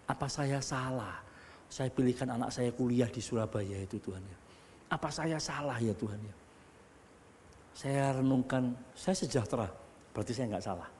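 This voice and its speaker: A middle-aged man preaching a sermon as a pastor, telling stories and building to loud exclamations. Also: medium pitch, slight background noise. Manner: storytelling, animated, climbing to loud exclamations. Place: church hall. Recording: long hall reverb.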